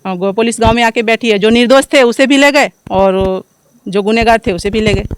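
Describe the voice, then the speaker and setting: A woman's voice: fairly high pitch, brisk, clean tone, no room sound. Woman, village resident, street interview, pleading, repetitive, outdoors. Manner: pleading, repeats her points.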